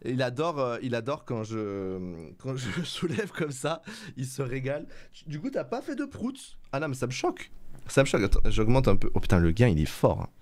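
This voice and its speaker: A man's voice: medium pitch, sing-song, normal speed, a little mellow. A man streaming casually, chatting with viewers while playfully cooing at his baby son. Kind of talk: casual live-stream chat.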